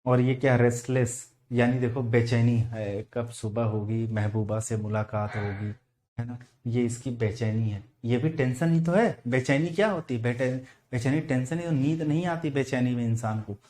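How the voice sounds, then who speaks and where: A man with a Hindi accent teaches English vocabulary at a medium pitch. He talks patiently, spelling words out letter by letter and repeating them. He asks his students questions as he goes. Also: moderate pace, warm tone. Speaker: English teacher for exam prep. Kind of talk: online vocabulary lesson.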